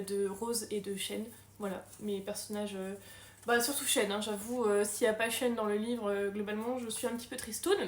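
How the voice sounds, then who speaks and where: A woman's voice: fairly high pitch, a little hiss or hum. Chatty young woman, echoey room. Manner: chatty, self-mocking, many fillers. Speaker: book vlogger. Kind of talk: casual reading vlog.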